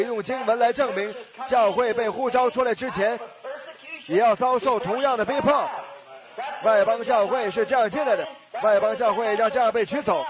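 High-voiced man preaching emphatically. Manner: emphatic preaching with exclamations and rhetorical questions. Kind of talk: sermon.

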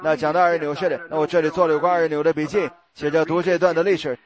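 Male preacher, high voice, sermon delivery, questions thrown to the congregation. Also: level tone. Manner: asks the congregation questions and answers himself; sings hymn lines slowly.

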